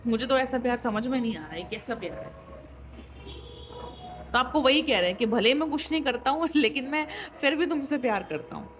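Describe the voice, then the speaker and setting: A woman's voice: sits high, expressive, fairly quick. A woman doing a tarot reading who speaks straight to the viewer. She talks plainly and keeps checking in with her listener. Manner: direct and conversational, often checks in with "ठीक है"; repeats points for emphasis, with wry disbelief. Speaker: tarot reader.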